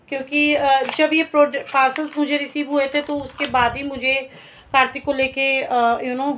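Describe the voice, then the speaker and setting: Chatty young woman vlogger, slightly high voice. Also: sharp tone. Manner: chatty, rambling, mixing English words. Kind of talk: casual family vlog chat.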